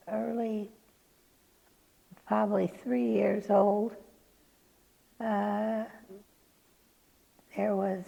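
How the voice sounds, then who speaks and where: An elderly woman in her eighties with a very creaky, gravelly voice looks back on her life in an interview. She speaks slowly and haltingly, pausing as she reminisces. The tone is dark and mellow, and the recording is slightly dull. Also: medium pitch. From California, United States. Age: 80s. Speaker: oral history interviewee.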